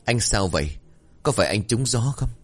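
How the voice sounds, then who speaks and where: A man's voice: fairly low pitch, expressive, normal speed, breathy edge, soft background music. A man voicing a concerned village uncle who gives earnest advice. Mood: uneasy. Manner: earnest, advising.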